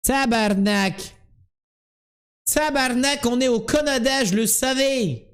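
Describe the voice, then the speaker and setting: Man doing a Québécois swearer, exaggerated accent, very high-pitched, drawn-out shouts. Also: clear, resonant tone, exaggerated voice. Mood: excited. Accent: exaggerated Québécois imitation. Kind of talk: joking live-stream impression.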